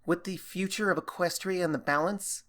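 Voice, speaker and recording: A man reading a fan fiction audiobook, voicing a calm, teasing young female princess pony with a casual, slightly ceremonious manner. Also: high voice, normal speed, pitched above the performer's own voice. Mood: smug.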